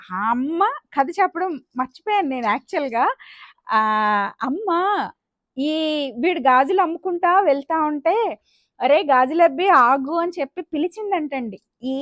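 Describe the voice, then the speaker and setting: A woman vlogger telling a devotional legend aloud, expressive and acting out the characters' lines. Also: high-pitched, normal speed, long pauses, dry recording. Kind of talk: spoken storytelling.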